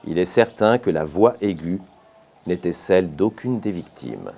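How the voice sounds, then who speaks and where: With a low, dark voice touched by vocal fry, a man delivers scripted audiobook narration. His reading is measured yet expressive, the pitch swinging widely from line to line.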